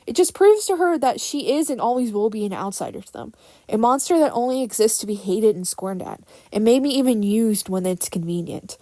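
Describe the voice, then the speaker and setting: High-voiced woman on an opinionated rant. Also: lively intonation, brisk, mellow, no echo. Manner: informal, sarcastic asides. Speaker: fan fiction creator. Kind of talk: casual scripted rant explaining characters.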